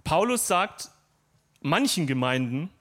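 A man's voice: fairly high pitch, sing-song, takes it slowly, a bit bright. A man preaching a sermon in a conversational, personal and lightly humorous way.

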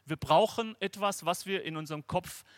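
A middle-aged man preaches at a camp in a fairly high voice. He is lively and acts out imagined dialogue and inner voices. The sound is dry and close, with no room echo. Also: normal speed. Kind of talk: sermon at a camp.

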